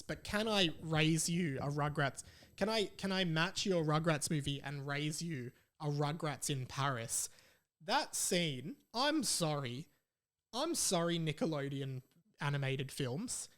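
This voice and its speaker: An Australian man hosts a podcast on his own, telling stories casually in an animated, playful, mock-dramatic style. His voice is a little high.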